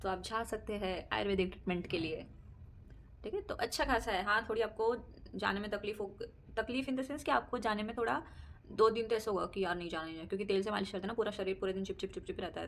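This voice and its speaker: A woman's voice: mid-range voice, quick pace, slight background noise. A young adult woman vlogger chatting casually to camera about her daily life, laughing often and mixing in English words. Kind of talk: casual personal chat to camera.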